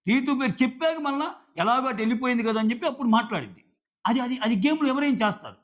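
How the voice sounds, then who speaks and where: High-voiced Telugu man reviewing a show. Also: lively intonation, fast. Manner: argumentative, asks rhetorical questions, paraphrases contestants' quotes. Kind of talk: casual episode review commentary.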